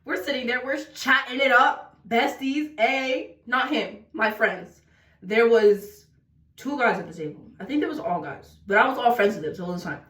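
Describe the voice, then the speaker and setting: Young woman vlogger, slangy and dramatic, slightly high voice, echoey room and off-mic. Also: moderate pace, fairly bright tone, recorded from a distance. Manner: chatty, dramatic, slangy, breaks into sing-song bits. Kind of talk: casual storytime while getting ready. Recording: roomy echo, voice a bit off-mic.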